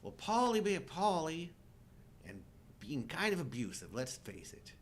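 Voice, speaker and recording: Very animated yet keeping a measured pace, a middle-aged man jokes about movies as a co-host of a live show, exaggerating wryly in casual, humorous chat. There's a noticeable low rumbling background noise.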